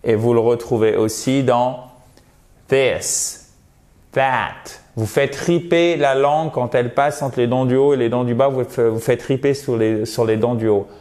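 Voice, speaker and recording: A man's voice: medium pitch, steady tone, moderate pace, warm tone. A man teaching a language lesson, spelling out and repeating example phrases and checking in often with short questions. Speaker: English teacher.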